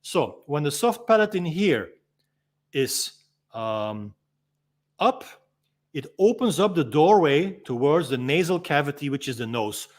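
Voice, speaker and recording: A man with a fairly high voice walks through a freediving technique as an instructor. He explains patiently, step by step, and stops to demonstrate each sound himself. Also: sing-song, a little slow.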